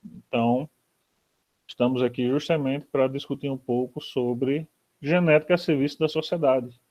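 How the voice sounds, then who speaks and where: A man's voice: mid-range voice, steady tone, normal speed, darkish tone. A man with a Brazilian accent moderating an online academic interview, hesitant with many fillers. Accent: Brazilian Portuguese. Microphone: video call. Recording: dull lo-fi video call audio.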